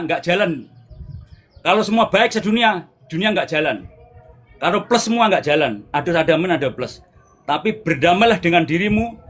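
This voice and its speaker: Javanese male spiritual teacher, slightly higher voice, preaches in short repeated phrases on a livestream. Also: fairly bright tone, slight background noise. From Java, Indonesia. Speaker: spiritual teacher hosting a live stream. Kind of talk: casual spiritual talk answering viewers' comments.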